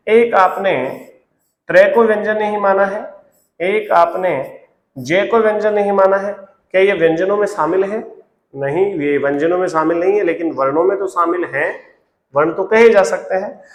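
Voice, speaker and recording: A man's voice: sits high, roomy sound. A man teaching Hindi grammar in a lesson video, repeating key terms and quizzing his viewers with questions. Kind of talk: classroom-style lesson to camera.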